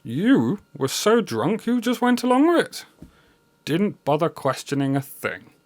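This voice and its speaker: A man's voice: sits high, big pitch swings, a little slow, no echo, voice pushed up. A man playing a smug, scolding ghost of the past in a comedy sketch. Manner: lofty, scolding, theatrical.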